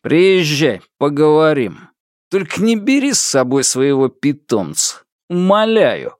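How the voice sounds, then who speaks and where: A man's voice: a little high, big pitch swings, measured pace, no echo, clean studio sound, pitched above the performer's own voice. A man voicing a lazy, mocking young man in an audiobook, drawling and sneering without hurry. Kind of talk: audiobook character voice.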